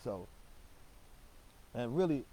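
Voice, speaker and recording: A man's voice: mid-range voice, big pitch swings, takes it slowly, dark tone, rough recording. A young man telling a casual story, rambling and slangy, with lots of swearing and stammered restarts.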